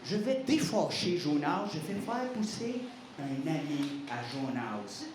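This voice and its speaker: A man's voice: a little high, very animated, voice pushed down. Patient, soothing God, as a man puts him on, in a roomy hall. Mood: calm. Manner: slow, soothing, gently firm. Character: patient, calm God, deep male voice. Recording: roomy hall, faint noise.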